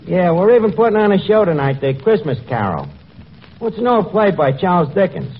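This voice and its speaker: A man's voice: high voice, sing-song, brisk, lo-fi sound. An actor playing a wisecracking male tavern manager who mangles his words, heard as a 1940s radio comedy broadcast. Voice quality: folksy, malaprop-prone, sly delivery. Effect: old radio broadcast sound. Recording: scratchy 1940s radio recording with live audience. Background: studio audience laughter and hiss.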